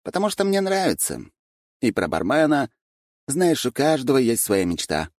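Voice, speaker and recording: A man voicing a calm, dreamy young waiter who speaks thoughtfully in a storybook reading. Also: medium pitch, normal speed, no echo, clean studio sound, voice pushed up.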